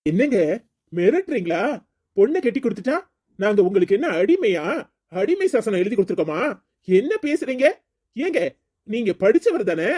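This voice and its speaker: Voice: mid-range voice, big pitch swings, normal speed, long pauses, dark tone. A performer voicing a firm, indignant brother-in-law. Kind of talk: cartoon voice acting.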